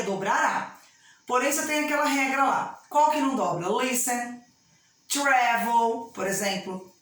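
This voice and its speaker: A woman's voice: a little high, fairly bright tone. A woman with a Brazilian accent teaching English grammar in an online class, explaining step by step and checking in with her students often. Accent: Brazilian Portuguese. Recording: very echoey room.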